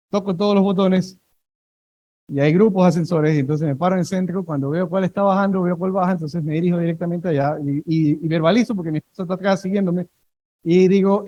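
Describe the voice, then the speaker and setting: A man preaches from the pulpit, his voice pitched fairly high. He tells everyday stories with playful energy and calls on the congregation to echo his words. The sound is close and dry. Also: lo-fi sound. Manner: lively storytelling, asks congregation to repeat words. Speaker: pastor. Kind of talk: sermon.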